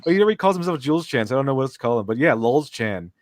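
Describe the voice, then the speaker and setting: A man's voice: mid-range voice, animated, racing. Sarcastic man on a livestream. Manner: mocking, sarcastic, laughs often. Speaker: streamer and co-host. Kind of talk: casual livestream chat.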